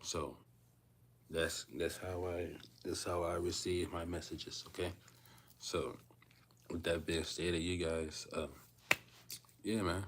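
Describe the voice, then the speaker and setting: A man's voice: low voice, level tone, takes it slowly, long pauses, a little hiss or hum. A man in his thirties talking casually to viewers on a livestream, rambling and repeating himself, often asking if they feel him. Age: 30s. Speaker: vlogger.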